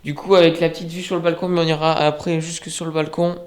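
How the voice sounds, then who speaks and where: A man chatting casually as he films a tour of a holiday apartment, joking and filling pauses with hesitations. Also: on the high side, flat delivery. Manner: chatty, joking, many fillers. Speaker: vlogger. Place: indoors and on a balcony.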